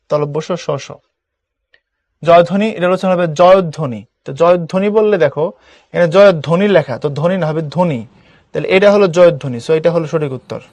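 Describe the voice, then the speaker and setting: A man's voice: a little high, darkish tone, dry recording. A young man teaching an online class, explaining step by step and repeating key words as drills.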